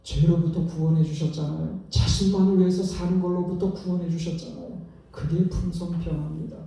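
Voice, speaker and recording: A man's voice: a little high, little pitch movement, a little fast, vocal fry, dark tone. A male pastor preaching a sermon in a church, asking the congregation rhetorical questions. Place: church sanctuary. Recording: echoey church hall, distant mic.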